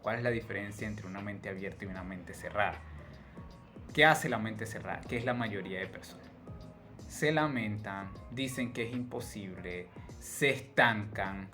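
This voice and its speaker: A man teaching an online trading course in a motivational lecture style, asking rhetorical questions and tagging lines with quick checks. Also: lowish voice, fairly bright tone.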